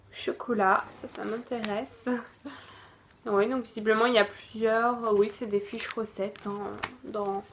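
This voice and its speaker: Slow, hesitant woman unboxing. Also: on the high side, a little hiss or hum. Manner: hesitant, lots of fillers and self-corrections. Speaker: unboxing vlogger. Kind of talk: casual product review.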